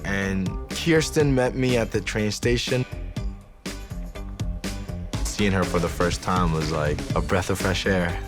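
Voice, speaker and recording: A young reality show participant with a low voice tells his story to camera slowly, with long pauses, in slangy talk full of "like" and "you know." Born in the Dominican Republic and in New York from age eight, he grew up between the two and works as a school safety officer and club DJ. Music plays clearly behind him.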